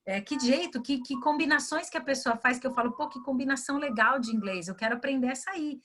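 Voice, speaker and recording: A woman's voice: sits high, quick pace, a little hiss or hum. A woman from Brazil, a mentor explaining language learning in a webinar over a video call, acting out dialogue and tagging lines with "né?". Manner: lively, acts out dialogue, frequent "né?". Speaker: guest, career and English mentor.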